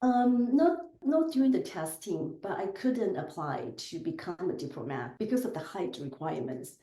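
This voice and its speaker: In a casual podcast interview, a guest in her forties from southern China speaks accented English; a Chinese dialect is her native tongue. Her mellow voice is on the low side and sing-song, at a moderate pace, with a roomy sound. Thoughtful by nature, she fills her speech with fillers and keeps revising what she says.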